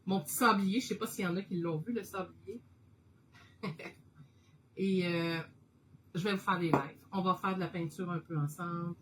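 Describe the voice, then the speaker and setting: A woman with a Québécois French accent chatting excitedly to her live viewers while she sketches and tries out watercolors, laughing often. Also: lowish voice, normal speed, long pauses, background noise. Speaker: host of an art live stream. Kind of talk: casual live-stream chat while painting.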